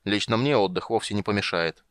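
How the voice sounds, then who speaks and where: A man voicing a grumpy, pedantic old male gold dragon who grumbles slowly and peevishly. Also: on the low side, a bit bright, dry recording, studio quality, natural voice.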